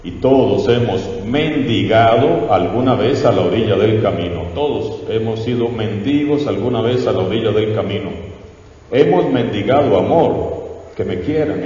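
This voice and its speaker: A man's voice: medium pitch, mellow. A man preaching a sermon as a priest, exhorting and questioning the congregation, in an echoey church recorded from far off on dull lo-fi sound.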